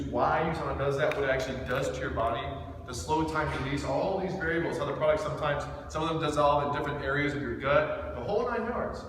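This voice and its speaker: Speaking to a small group in an echoey indoor space, a man of thirty-seven who trains business teams delivers a casual motivational session. His mid-range voice has a fairly bright tone, and his delivery is intense and direct, punctuated by forceful rhetorical questions. The mic was far off, picking up reverb and a little noise.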